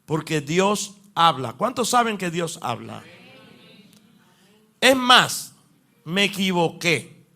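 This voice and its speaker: Slow, bright-voiced male preacher. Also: high voice, sing-song. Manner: preaching with questions to the congregation, loud swings in emphasis. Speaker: pastor. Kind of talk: sermon.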